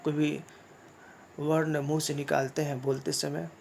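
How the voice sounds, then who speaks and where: Slow, gravelly male Hindi teacher. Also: a little high, level tone, a little mellow, a little hiss or hum. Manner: slow, repetitive explaining with rhetorical questions. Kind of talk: classroom lesson.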